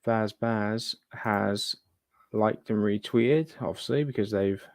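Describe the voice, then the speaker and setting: A man's voice: lowish voice, slow, a little mellow, dry recording, clean studio sound. A man chatting casually as host of a live gaming stream, thinking aloud and muttering asides to himself. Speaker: livestream host.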